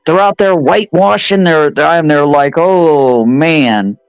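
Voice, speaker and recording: A woman's voice: sits low, moderate pace, creaky, clear, resonant tone, no room sound, soft background music, rough recording. A woman chatting casually as a guest, joking and telling gossipy stories. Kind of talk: casual chat. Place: home in Connecticut.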